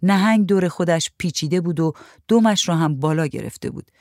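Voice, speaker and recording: Low-voiced woman reading a story. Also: darkish tone, no echo, clean studio sound. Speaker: narrator.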